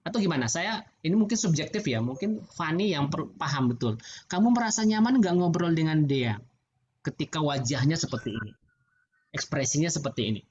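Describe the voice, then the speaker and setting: Middle-aged male lecturer, Indonesian accent, relaxed chatty feedback, muffled video-call sound. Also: on the high side, brisk. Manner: relaxed, chatty, laughs often. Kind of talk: online class feedback. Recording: muffled video-call audio with faint background noise.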